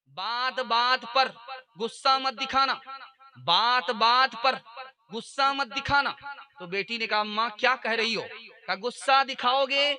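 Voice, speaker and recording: A man delivers a sermon in a very high, piercingly bright voice. He repeats each piece of advice several times and acts out both sides of a conversation as he tells the story. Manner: repetitive, exhorting, voicing mother and daughter in dialogue. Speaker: preacher. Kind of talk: sermon with storytelling and sung verse.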